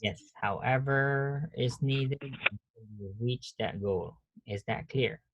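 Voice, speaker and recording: A man's voice: medium pitch, takes it slowly, fairly bright tone, husky, no echo, highs cut off. A man teaching a nursing class over a video call, talking casually, restarting sentences and quizzing students. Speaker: nursing professor. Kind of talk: online class lecture.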